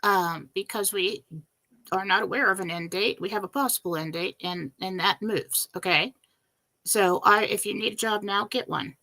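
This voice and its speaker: A woman's voice: medium pitch, normal speed, pushed and bright. A woman giving psychic readings on a live stream, answering in a direct, matter-of-fact way with a scratchy voice. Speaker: psychic reader.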